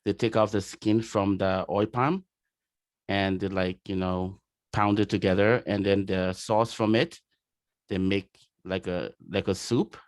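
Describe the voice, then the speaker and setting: A man from Liberia with a Liberian accent, speaking as an interview guest in casual talk, often pausing with "you know". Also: deep voice, steady tone, dry recording, studio quality. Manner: warm-hearted, many fillers like "you know".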